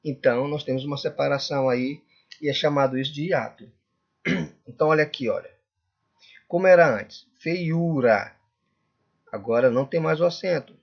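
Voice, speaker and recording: A male Portuguese teacher giving a classroom lecture, often checking in with the class and drawing out example words slowly. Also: medium pitch, gravelly, lo-fi sound. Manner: checks in constantly with "correto?" and "tudo bem?".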